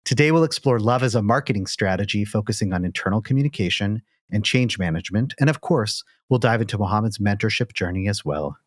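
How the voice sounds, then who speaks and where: A man's voice: on the low side, expressive, quick pace, few pauses, no echo, studio quality. Upbeat male podcast host. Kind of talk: scripted intro then interview questions.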